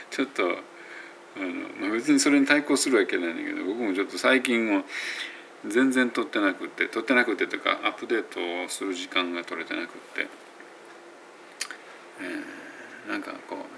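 A man's voice: on the low side, vocal fry, fairly bright tone, a little hiss or hum. A man with a Kansai Japanese accent, teaching English pronunciation in a casual audio blog, rambling and correcting himself as he sounds out example words.

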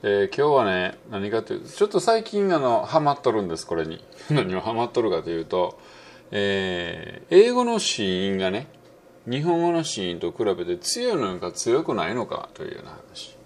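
Relaxed Kansai-accented man teaching pronunciation. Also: fairly low pitch, a little hiss or hum. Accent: Kansai Japanese. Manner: relaxed, musing, many fillers, demonstrates words slowly. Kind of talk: casual spoken lesson, audio post.

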